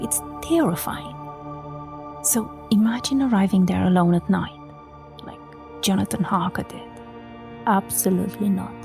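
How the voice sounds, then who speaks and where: Woman from romania chatting about books, bit of vocal fry, soft faint music under her. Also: medium pitch. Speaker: podcast host. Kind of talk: reflective book-talk podcast monologue.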